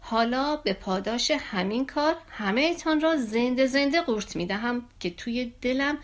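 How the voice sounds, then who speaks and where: A greedy, scheming pelican from a storybook, read aloud by a woman. It gloats and mocks in a fairly high voice. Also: animated, natural voice. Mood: gloating. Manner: mocking, gloating.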